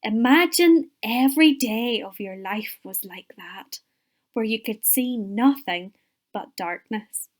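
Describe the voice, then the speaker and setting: A woman, a Sunday school teacher telling a Bible story to children with expressive, whispered moments. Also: fairly high pitch, takes it slowly.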